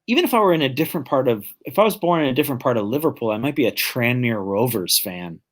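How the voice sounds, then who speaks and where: A man's voice: mid-range voice, animated, quick pace. Laid-back, hedging male co-host. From Detroit area, United States. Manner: casual, hedging, swears, many fillers like "like". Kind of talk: casual live-stream chat.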